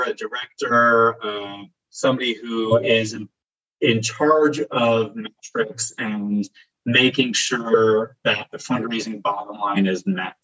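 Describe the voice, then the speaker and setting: A man cohosting as a fundraising trainer, explaining step by step in a measured way. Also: medium pitch, pushed and bright, highs cut off. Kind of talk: explanatory advice talk.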